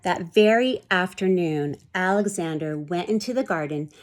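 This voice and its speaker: With a lowish voice and lively intonation, a woman reads a storybook to children at an ordinary pace. She brings the story to life and adds teacher-style commentary on the pictures.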